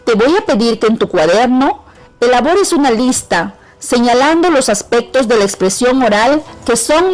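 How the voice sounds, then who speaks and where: A middle-aged woman with a Peruvian accent, a teacher giving a clear, measured lesson on an educational radio program. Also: on the high side, rough recording. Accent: Peruvian Spanish. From Peru. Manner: clear, measured instruction to students.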